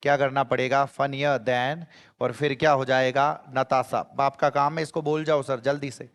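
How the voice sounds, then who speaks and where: A man teaching an exam-prep grammar lesson, animated, repeating key phrases and quizzing his students. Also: medium pitch, unhurried, big-room sound.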